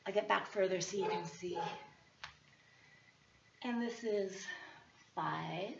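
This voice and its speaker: A woman fitness instructor with a hoarse, partly lost voice at a middling pitch, talking listeners through a workout in a chatty, encouraging way. The sound is dull and lo-fi. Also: slow, distant mic, noisy background. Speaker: fitness instructor and program host.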